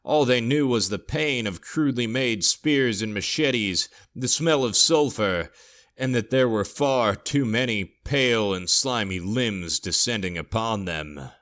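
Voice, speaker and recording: A man narrating a scripted horror story in a steady, low storytelling voice. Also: a little slow.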